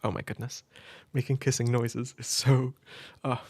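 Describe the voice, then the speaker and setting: A man speaking tenderly in a soft, half-whispered ASMR comfort roleplay, close to the mic. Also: medium pitch, little pitch movement, normal speed, no echo. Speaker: ASMR creator.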